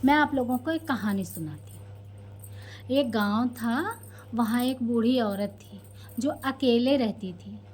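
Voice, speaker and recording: A woman's voice: on the high side, slow, a little mellow, slight background noise. A woman vlogger chatting with viewers, telling a story in a casual style. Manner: chatty, addresses viewers directly.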